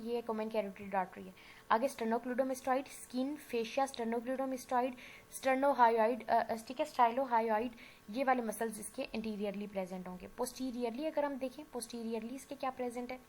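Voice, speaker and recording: A fairly high, slightly mellow female voice, strained by a sore throat, delivers a recorded anatomy lecture. She explains patiently, mixes in English medical terms and frequently checks with students using "theek hai." The audio is poor, with faint background noise.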